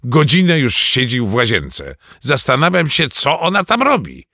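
A man voicing an irritable, hurried father in a storybook reading, snapping impatiently. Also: mid-range voice, huge pitch swings, vocal fry, pushed and bright, dry recording, studio quality, full character voice. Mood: irritated.

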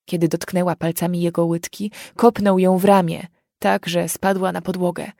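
Woman narrating a spooky story, lowish voice, dry close sound. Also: level tone, moderate pace, creaky, mellow, no echo. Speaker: audiobook reader.

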